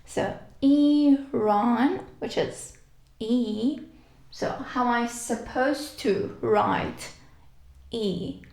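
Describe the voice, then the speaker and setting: A woman teaching a language lesson, slowly repeating each word and letter for practice. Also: fairly high pitch, creaky, roomy sound. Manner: patient, repeats words for practice. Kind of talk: slow step-by-step alphabet lesson.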